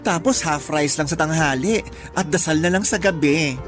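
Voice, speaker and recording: In a Tagalog radio drama, an actress plays a blunt, protective big-sister type of friend, teasing in slangy speech with a Filipino accent. Her natural female voice sits low and moves at normal speed, with music playing in the background.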